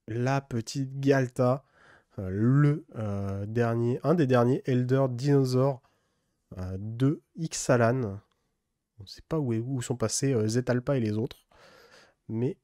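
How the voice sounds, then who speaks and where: A man hosting a casual card-pack opening, speaking slowly with many fillers and reading card names. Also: medium pitch, no echo, clean studio sound. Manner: relaxed, many fillers, reads card names slowly in a put-on English accent. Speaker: card-opening video host. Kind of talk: casual unboxing commentary.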